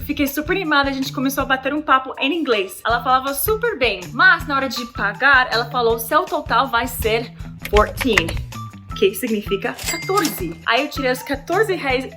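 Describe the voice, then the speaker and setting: An American woman, a native English speaker, teaching English pronunciation in a lively, chatty way. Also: sits high. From United States. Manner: lively, chatty, with colloquial fillers. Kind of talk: YouTube lesson.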